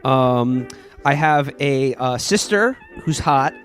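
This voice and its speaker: Introducing his character in a comedy tabletop game, a man speaks casually but hesitantly, repeating words as he goes. His medium-pitched voice is expressive, slow and a bit bright, with faint music underneath.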